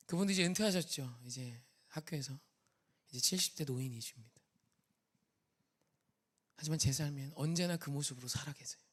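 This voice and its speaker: A man preaching a sermon as a pastor, telling stories with emotional swings from loud to whispered. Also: a little high. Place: church sanctuary.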